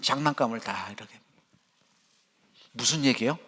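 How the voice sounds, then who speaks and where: An older man, a pastor, preaching a sermon in church with animated, folksy storytelling. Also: medium pitch, moderate pace, slightly rough.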